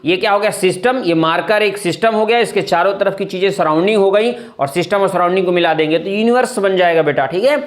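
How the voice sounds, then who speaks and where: A male chemistry teacher lectures a class with terms mixed in, his voice high and fast with few pauses. He calls his students "beta," asks questions and answers them himself, and often says "thik hai na."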